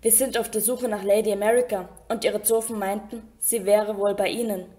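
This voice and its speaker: A woman voicing a polite, formal male palace guard in a storybook reading, speaking up clearly. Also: mid-range voice, steady tone, brisk, dark tone, close to an everyday voice.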